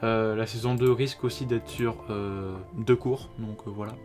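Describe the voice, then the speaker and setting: A young man with a lowish voice, talking at normal speed, casually reviews seasonal anime in a video. He's informal and slangy, with many fillers and occasional swearing, and reads plot synopses aloud in a flatter voice. Faint music plays behind him.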